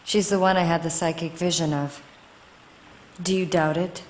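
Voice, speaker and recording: A woman's voice: on the low side, steady tone, moderate pace, slight background noise, lightly acted, rough recording. A woman playing a confident, assertive young psychic, a seance medium in a video game. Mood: cool, assertive.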